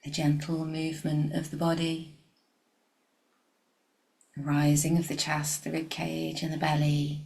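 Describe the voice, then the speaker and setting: A woman's soft, gentle voice guides a meditation slowly, pausing at length and at times fading to a breathy whisper. She sits low and speaks in a monotone, and the audio is poor.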